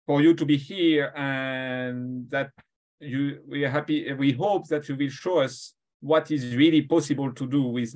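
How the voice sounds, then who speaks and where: A man moderating a webinar, introducing a guest in unscripted, hesitant phrases with pauses. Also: mid-range voice.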